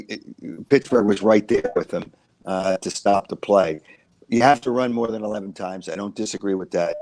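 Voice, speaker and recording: A man's voice: on the low side, a little mellow, rough recording. A man talking through football analysis as a co-host, rambling and repeating himself with frequent uhs. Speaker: sports co-host. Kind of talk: casual sports analysis chat.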